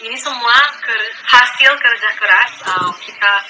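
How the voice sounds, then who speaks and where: A woman's voice: on the high side, a little slow, pushed and bright, slight background noise, rough recording. A young Filipino woman with a Filipino accent, a foreigner speaking fluent colloquial Indonesian in a casual vlog style. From Philippines. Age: young adult. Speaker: language student making videos.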